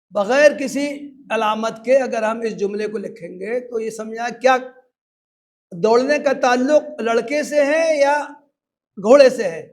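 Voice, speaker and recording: Older guy, indian urdu accent, really high voice, slow careful lecturer tone. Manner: measured, explanatory, reads examples aloud. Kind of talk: formal lecture.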